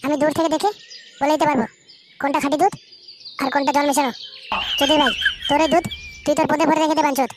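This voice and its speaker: A woman's voice: sits high, steady tone, very fast, long pauses, background noise, voice pushed up. Woman doing a brash cursing young guy. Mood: cocky. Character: cocky young man who boasts and curses.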